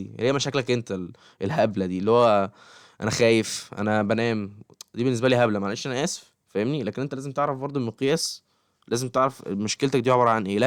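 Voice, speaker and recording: A man's voice: medium pitch, dry recording, studio quality. A man with an Egyptian Arabic accent giving casual study advice straight to camera, often checking that the listener follows him. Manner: keeps checking in with the listener, talks straight at them.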